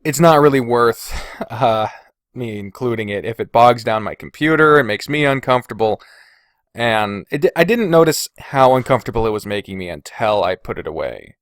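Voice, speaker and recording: A podcast host and video creator speaks in an animated, medium-pitched voice at a moderate pace. Alone in his bedroom, he chats casually, mocks himself, swears and goes off on tangents. His Blue Snowball omnidirectional USB microphone gives studio-quality audio without room sound.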